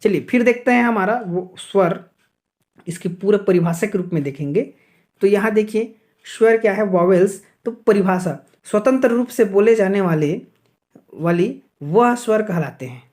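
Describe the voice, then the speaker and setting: A man from Chhattisgarh, India, teaches an exam-prep grammar lesson in a high-pitched, slightly mellow voice. He keeps asking and answering his own questions and checks in often with "okay." He also slows down to spell out sounds one by one.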